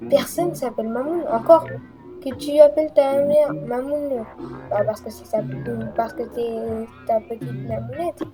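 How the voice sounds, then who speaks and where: A woman's voice: sits high, a little slow. A woman giving casual let's play commentary, chatty and mocking the game text. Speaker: gamer playing a game on video. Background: game music.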